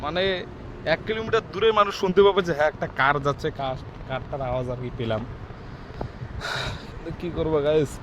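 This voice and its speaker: A man's voice: a little high, quick pace, long pauses, lo-fi sound. A man from India vlogging casually as he walks around, chatting to his viewers with lots of filler words. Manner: chatty, addresses viewers as guys, many fillers. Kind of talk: casual walking vlog. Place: outdoors in a city, then inside a large mosque. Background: traffic and city ambience.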